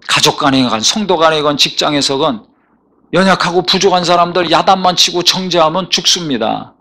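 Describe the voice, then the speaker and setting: A man's voice: on the high side, vocal fry, pushed and bright. A male pastor preaching a sermon in a church, building emphatic repeated phrases and calling for responses. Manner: preaching with rising emphatic repetitions and call-and-response. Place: church sanctuary.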